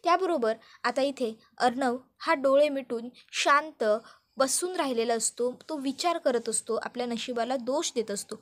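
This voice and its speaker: A woman telling an episode recap as a story, in steady, descriptive narration. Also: high voice, normal speed.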